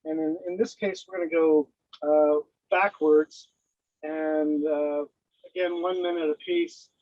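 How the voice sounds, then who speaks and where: A man's voice: on the high side, fairly even intonation, measured pace, no room sound, dull audio. A man moderating a candidate forum, talking loosely with many restarts. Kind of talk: casual moderating.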